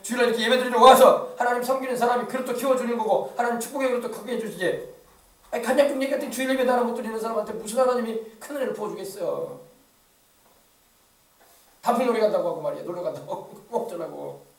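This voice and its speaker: High-voiced fast-preaching pastor. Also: male voice. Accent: Korean, Yeosu area. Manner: rousing call-and-response preaching. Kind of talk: sermon. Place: church sanctuary. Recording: echoey church from far off.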